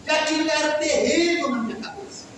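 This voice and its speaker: A man preaching a fervent testimony sermon, sometimes breaking into shouts. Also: very high voice, fast, slight background noise. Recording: echoey hall from far off.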